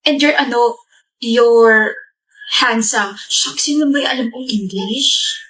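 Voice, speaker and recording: Woman doing a sassy loud girl, teasing, high voice. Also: takes it slowly. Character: brash, funny young woman, a student. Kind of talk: skit acting.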